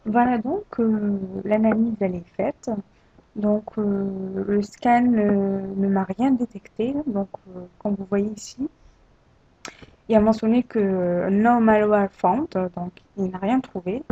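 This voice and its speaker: Hesitant woman, gravelly lo-fi voice. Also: mid-range voice, steady tone, slow pace, mellow. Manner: hesitant, many fillers and restarts. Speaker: tutorial presenter. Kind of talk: screen-recorded software tutorial. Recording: dull lo-fi home recording.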